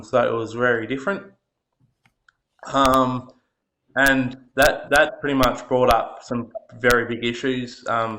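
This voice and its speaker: A man's voice: medium pitch, a bit bright. Australian man, late 20s, earnest and hesitant guest storyteller, slightly dull recording. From Tasmania, Australia. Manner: hesitant, lots of ums, earnest. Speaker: podcast guest. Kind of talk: personal storytelling.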